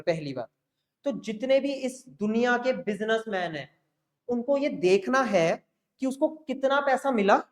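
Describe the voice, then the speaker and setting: A man teaching an accounting class, talking students through the basics and often checking that they follow. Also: very high voice. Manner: coaxing, keeps checking in with students. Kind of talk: classroom lecture. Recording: roomy echo.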